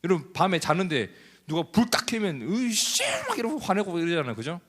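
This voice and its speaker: A male pastor delivering a sermon in a church, animated and asking the congregation questions. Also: high-pitched, brisk, long reverb tail.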